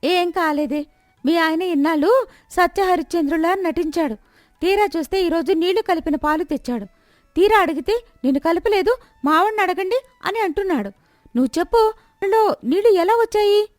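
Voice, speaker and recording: Woman putting on a shrill scolding village woman. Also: normal speed, no echo, studio quality, faint music behind. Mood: angry. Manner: shrill, accusing, rising to a scold. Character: angry scolding village woman, milk customer.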